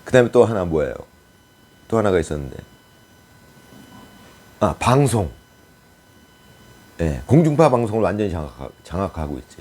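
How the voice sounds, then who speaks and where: A man giving a casual political commentary monologue, speculating aloud and pausing often with hesitant fillers. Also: sits low, very animated, darkish tone.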